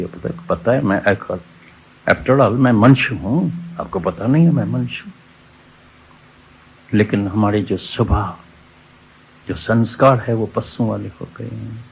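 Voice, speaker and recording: This is a spiritual teacher's Hindi satsang, complete with a told parable, repeated key words and scripture lines. He has a low, creaky voice with some breathiness, captured on dull, lo-fi sound.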